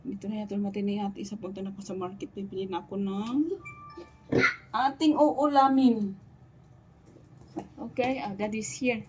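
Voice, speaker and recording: A woman's voice: medium pitch, steady tone, quick pace, dark tone, lo-fi sound, slight background noise. A woman with a Filipino accent chatting casually at home in a vlog, mixing Tagalog and English and coaxing her small child. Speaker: vlogger and mother. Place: at home, indoors.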